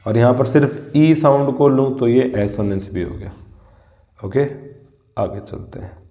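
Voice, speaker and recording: A man teaching English grammar, talking slowly and sounding out example words one at a time. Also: medium pitch, dark tone. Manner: slow, spells out sounds word by word. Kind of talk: whiteboard grammar lesson. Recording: echoey, dull lo-fi room sound.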